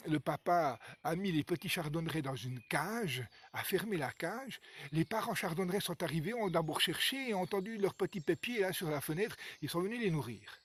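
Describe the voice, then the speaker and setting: Lively male folk storyteller. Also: on the high side, slightly rough. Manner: lively, hesitant, with fillers and repetitions.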